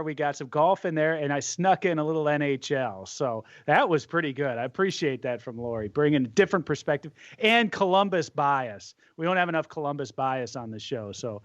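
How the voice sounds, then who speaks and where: A man's voice: a little high, no echo, lo-fi sound. A man co-hosting a sports radio show, joking and bantering in casual chat.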